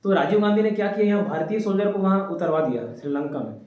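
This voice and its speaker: A young man lectures a class in a relaxed, storytelling way, trading jokes with the students. His voice sits a bit high for a man, and the room around him is echoey and hollow. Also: quick pace, muffled recording. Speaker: teacher.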